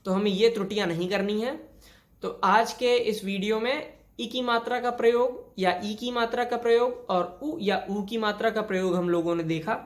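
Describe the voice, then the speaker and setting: In this classroom spelling lesson, a Hindi teacher explains grammar one rule at a time, going over each again with many examples. She speaks at a normal speed in a medium-pitched, steady voice.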